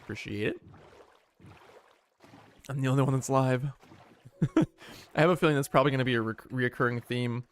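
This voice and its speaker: A man's voice: mid-range voice, moderate pace, long pauses, clear, resonant tone. Guy chatting on his game stream, rambly, keeps correcting himself, plain mid voice. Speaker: livestream host. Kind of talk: casual livestream chat while playing.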